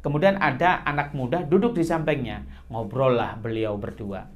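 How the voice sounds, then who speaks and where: A man preaching a storytelling sermon, animated and often putting questions to the audience. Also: medium pitch, moderate pace.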